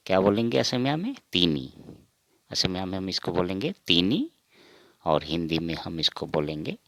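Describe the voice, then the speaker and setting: A man with a very low, gravelly voice teaches numbers at an unhurried pace. He repeats every word and asks and answers his own questions. The sound is dry and close. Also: a bit bright, no echo. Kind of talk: slow spoken counting lesson.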